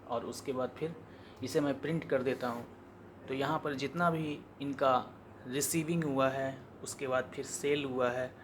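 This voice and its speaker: An Indian man with a mid-range voice demonstrates software in an informal, step-by-step tutorial, explaining as he goes and repeating his instructions. There is slight background noise.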